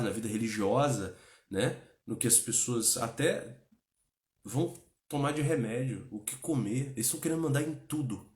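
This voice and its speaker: Brazilian man, religion class, fervent and repetitive, mid-pitched voice, roomy echo. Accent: Brazilian Portuguese. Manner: impassioned, repetitive, frequent "né?" tags.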